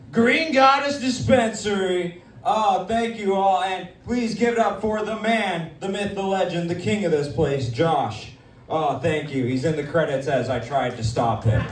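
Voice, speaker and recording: Brash high-voiced comedy host, roomy. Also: male voice. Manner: brash, crude, mock-pompous. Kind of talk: live stand-up roast. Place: comedy stage in a dispensary. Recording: echoey room, mic at a distance.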